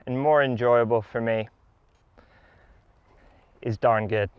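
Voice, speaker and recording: A man's voice: medium pitch, smooth, no echo, dull audio. A man giving an enthusiastic, casual product review while playing a round of golf outdoors. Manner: enthusiastic, upbeat.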